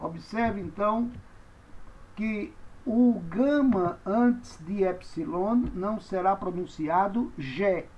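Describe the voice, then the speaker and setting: A man's voice: high voice, slow, darkish tone, slight background noise. A man teaching a language lesson, patiently spelling out letters and repeating each word. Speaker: Greek teacher. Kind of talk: classroom lecture. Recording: dull lo-fi recording.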